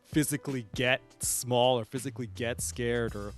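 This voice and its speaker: A man hosting a podcast in casual chat, quick with asides and often checking in with "right?". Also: medium pitch, steady tone, faint music behind. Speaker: podcast host.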